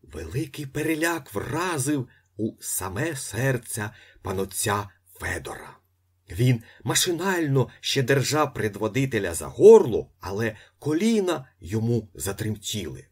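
A man reading a novel aloud as an audiobook, with expressive storytelling narration. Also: mid-range voice, unhurried, husky. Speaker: audiobook reader. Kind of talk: scripted narration.

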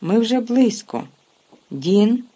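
Audiobook figure: narrator doing a calm, encouraging magic teacher, husky voice, brisk calls to the class. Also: mid-range voice, pitched above the performer's own voice. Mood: urging.

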